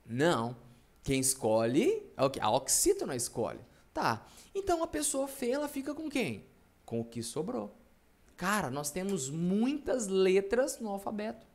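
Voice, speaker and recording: A man's voice: high-pitched, wildly swooping pitch, a little slow, a little mellow. A man teaching a grammar class, who asks his own questions, answers them, and drops jokes along the way. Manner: jokey, playful asides. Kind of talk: recorded online class lecture.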